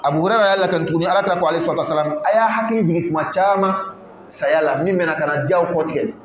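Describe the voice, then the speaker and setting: Man, religious teacher, slow syllable-by-syllable drilling, echoey dull recording. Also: on the high side. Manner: drills pronunciation slowly, syllable by syllable. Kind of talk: Ramadan class teaching Quran recitation. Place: mosque. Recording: echoey, muffled room recording.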